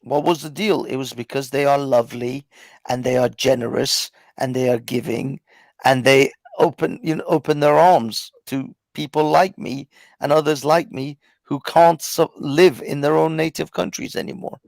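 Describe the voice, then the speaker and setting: A man from Iran in a heated, casual debate, forceful and profane, repeating himself to press his point. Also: mid-range voice, steady tone, normal speed, creaky, no room sound.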